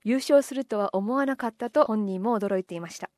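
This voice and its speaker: A woman presenting a program and interviewing guests, with a smooth, friendly delivery. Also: mid-range voice, brisk, darkish tone, dry recording, studio quality. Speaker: radio program host.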